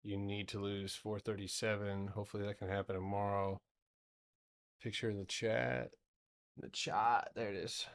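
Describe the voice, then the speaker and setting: A man's voice: on the low side, little pitch movement, normal speed. A man in his thirties hosting a trading live stream, talking loosely through charts, swearing now and then and answering his chat. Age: 30s.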